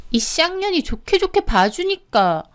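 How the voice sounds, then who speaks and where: A woman's voice: very high voice, big pitch swings, moderate pace, voice pushed up. A woman voicing a young sister-in-law who mocks and threatens with open contempt, in a radio drama. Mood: threatening. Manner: mocking, contemptuous, menacing.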